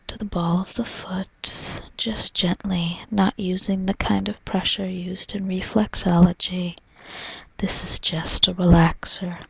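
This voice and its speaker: A woman doing an ASMR role-play as a spa massage therapist, in a soft, soothing, breathy soft voice, narrating gently. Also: mid-range voice, no room sound, low-quality recording. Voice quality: breathy, mostly unvoiced soft voice. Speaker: reflexologist giving a foot massage.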